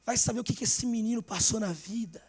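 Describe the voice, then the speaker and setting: Fervent Brazilian preacher, very high voice. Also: male voice, a little fast, slightly rough. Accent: Brazilian Portuguese. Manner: fervent, swinging from loud exhortation to hushed storytelling. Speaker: pastor. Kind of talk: sermon.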